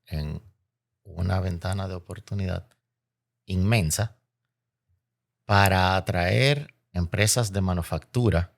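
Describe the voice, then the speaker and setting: A man with a Caribbean Spanish accent from the Dominican Republic speaks in a very low, creaky voice. He explains his points in an interview with oratorical emphasis, repeating key phrases. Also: slow pace, pauses often. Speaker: interview guest, logistics expert.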